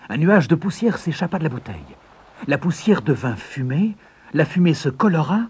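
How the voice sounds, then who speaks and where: A man's voice: fairly high pitch, a little mellow, breathy edge. A man narrating a fairy tale in a scripted, suspense-building storybook reading.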